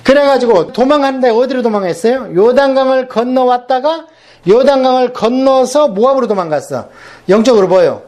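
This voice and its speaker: A man's voice: very high-pitched, brisk, a little mellow. A male pastor giving a Bible seminar lecture, teaching emphatically and asking the class rhetorical questions.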